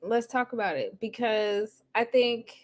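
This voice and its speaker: A woman guest, a priestess, speaking in a reflective, measured way in a casual online chat. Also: on the high side. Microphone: video call.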